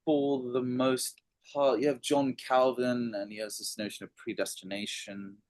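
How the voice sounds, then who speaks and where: A man's voice: mid-range voice, flat delivery, unhurried, a little mellow, dry recording. A man talking through philosophy on a podcast in a casual, hesitant way, with many ums and restarted phrases. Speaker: podcast co-host.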